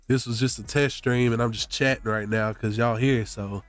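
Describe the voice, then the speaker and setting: A man with a mid-pitched, congested voice chats to his stream viewers while sick. His talk is casual and slangy, peppered with "bro", and faint music plays behind him. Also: fairly even intonation, moderate pace. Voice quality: congested, stuffy nose. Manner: slangy, often says "bro". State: sick with a blocked nose. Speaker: game streamer.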